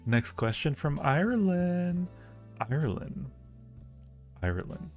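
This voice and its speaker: Soft, faint music accompanies a man's fairly high, sing-song voice with a darkish tone as he slowly answers viewer questions. He's an audio roleplay creator hosting a live-stream Q&A, keeping things casual, playful, teasing and flirtatious.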